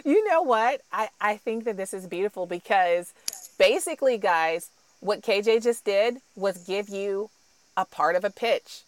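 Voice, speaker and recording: A woman's voice: medium pitch, animated, a little slow, no echo. A woman hosting an interview, encouraging and upbeat as she speaks to the guest and to the audience. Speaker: podcast host.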